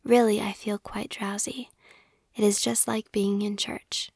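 A woman's voice: mid-range voice, flat delivery, measured pace, gravelly, darkish tone, slightly rough, no echo, clean studio sound. A woman reading aloud in a whisper, voicing the miller's drowsy, admiring wife.

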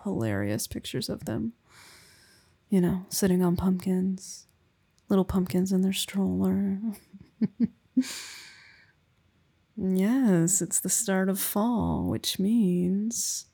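A woman playing an affectionate young wife and mother, speaking softly and intimately, often in a whisper, in an ASMR roleplay close to the mic. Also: medium pitch, heavily acted. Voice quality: breathy. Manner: soft, intimate, often whispered, with small laughs. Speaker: roleplay performer. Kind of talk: soft-spoken ASMR roleplay.

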